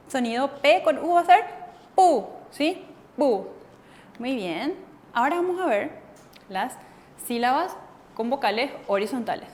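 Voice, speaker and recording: A woman with a high voice gives a patient classroom lesson. She keeps asking the class questions and answering them herself while she drills each sound. Her voice carries a long echo, as if recorded in a large reverberant room. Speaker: Korean language teacher.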